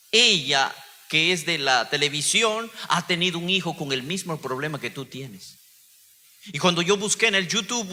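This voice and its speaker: A man's voice: on the high side, sharp tone, big-room sound. A man, a pastor, giving an impassioned sermon testimony, his voice swelling and dropping.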